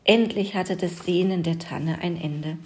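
Female storyteller, unhurried, calm and expressive, reads rhyming children's tales. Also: on the low side, a little hiss or hum. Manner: measured, gently expressive storytelling. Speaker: reader of an audio advent calendar story. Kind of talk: storybook reading in rhyme.

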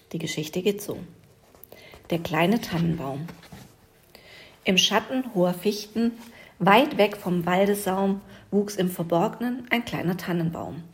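A woman reading a rhyming Christmas story aloud, measured and gently expressive. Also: on the low side. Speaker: reader of an audio advent calendar story.

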